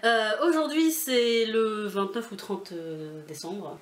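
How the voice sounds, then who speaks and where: A woman's voice: mid-range voice, sing-song, slow pace. A young woman hosting a casual book chat at home, giggly and chatty with casual swearing. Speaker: booktuber host. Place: home room. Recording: echoey room, faint noise.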